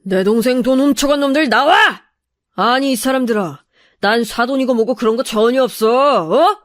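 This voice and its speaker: A woman's voice: fairly high pitch, moderate pace, no echo, studio quality, natural voice. A woman voicing a big, menacing gangster older brother who bellows threats in a storybook reading. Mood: menacing, shouting.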